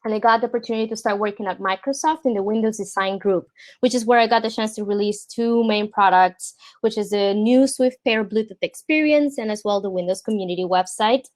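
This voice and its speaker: Speaking briskly in a medium-pitched, slightly mellow voice, a Puerto Rican product designer from San Juan leads a chatty online presentation reviewing a portfolio. Spanish is her first language, and she has a Puerto Rican accent; the setting is a video call.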